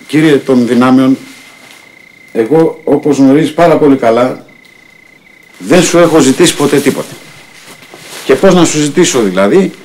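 A man's voice: a little high, darkish tone, lightly acted. An actor playing a glib male playboy debtor who theatrically pretends to have found religion. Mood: humble prayer. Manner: glib, theatrical, mock-pious. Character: smooth-talking male playboy debtor feigning piety. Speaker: actor in a TV comedy series. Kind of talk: sitcom acting.

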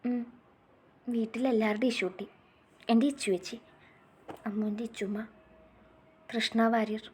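A woman voicing a cheerful, playful teenage girl who talks in an excitable, teasing way. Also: fairly high pitch, measured pace, husky. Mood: chatty.

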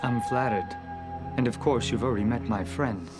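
An actor playing a menacing, smug demon villain in a TV fantasy drama, taunting and unhurried. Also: male voice, mid-range voice, close to an everyday voice. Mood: smug menace. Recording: dramatic music behind.

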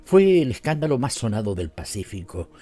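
A man's voice: medium pitch, very animated, brisk, dark tone, faint music behind. A man voicing an indignant, zealous middle-aged male missionary in a stern, vehement storybook reading.

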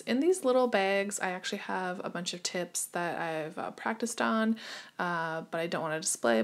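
Woman, slightly gravelly voice, relaxed show-and-tell, lots of fillers, phone mic, small room at home. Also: mid-range voice. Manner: relaxed, many fillers and hesitations. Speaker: nail artist giving a desk tour. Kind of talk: casual show-and-tell narration.

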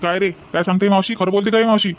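A man's voice: sits high, fairly even intonation, fast talker, lo-fi sound, close to an everyday voice. A man voicing a cheeky young male student troublemaker with a Varhadi Marathi accent, brash and argumentative. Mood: defiant. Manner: defiant, whining when caught.

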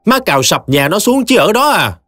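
A man's voice: high-pitched, sing-song, moderate pace, fairly bright tone, dry recording, studio quality, soft background music, pitched above the performer's own voice. A man voicing a hot-tempered elderly mother with a Southern Vietnamese accent, speaking in fiery exclamations. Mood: angry.

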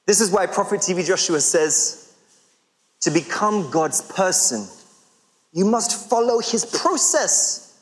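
A man in his thirties preaching a sermon to a large congregation, emphatic and full of rhetorical questions with drawn-out pauses. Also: high voice, lively intonation. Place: large church hall with congregation. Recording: long reverb of a big hall.

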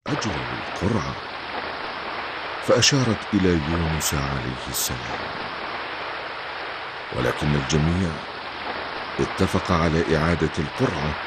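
An older man narrating a story as a grandfather, in a measured, solemn way. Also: extremely low pitch, expressive, very noisy.

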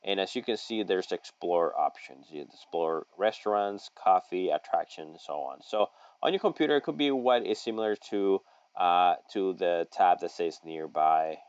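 A middle-aged man with a low voice walks through a screen-share lesson, reading an article aloud and stopping often with "uh" and restarts. The sound is dry and a little dull, recorded at a desk mic in a home office. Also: darkish tone, smooth, no echo. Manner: halting, many fillers and restarts, folksy asides. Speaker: local online marketing consultant. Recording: dry, slightly dull audio.

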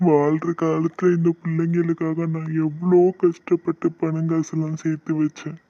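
A man's voice: on the high side, monotone, moderate pace, mellow, no room sound, natural voice. A man voicing a lonely, grieving old grandfather in a cartoon, who speaks in a sorrowful, pleading way. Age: older. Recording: dull lo-fi, dry.

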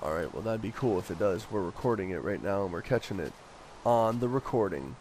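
A man, a father, chatting casually and upbeat on a voice call while leading his family through a video game, quick to joke. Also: lowish voice, expressive, a little mellow, slight background noise. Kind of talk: casual gaming chat.

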